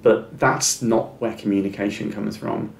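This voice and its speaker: In a fairly low voice with vocal fry and fairly even intonation, a middle-aged man speaks at a measured pace during a reflective interview. He earnestly encourages his audience but stammers, repeating words and restarting. The room echoes, and faint music is audible.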